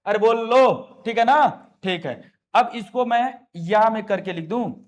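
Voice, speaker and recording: A man's voice: high-pitched, measured pace. A male maths teacher giving a classroom lesson, coaxing students and repeating his questions back to them.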